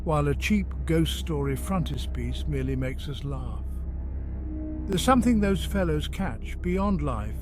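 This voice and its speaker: A man voicing an agitated, confiding gentleman in a dramatic first-person horror audiobook narration, conversational and emphatic. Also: a little high, lively intonation, a little slow. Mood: confiding, intense. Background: music under the voice.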